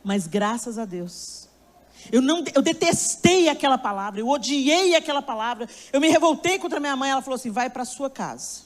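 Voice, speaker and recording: A woman's voice: high-pitched, expressive, brisk. A woman preacher delivering a sermon, telling a story with emphasis and speaking straight to her listeners.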